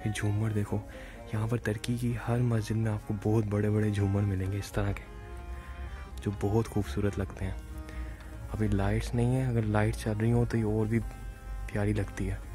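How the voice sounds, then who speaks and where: A man's voice: on the low side, little pitch movement, normal speed. A man from Pakistan casually narrating a walking tour of a large mosque, slipping English phrases into his talk, speaking from behind a handheld camera. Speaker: vlogger. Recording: music playing behind.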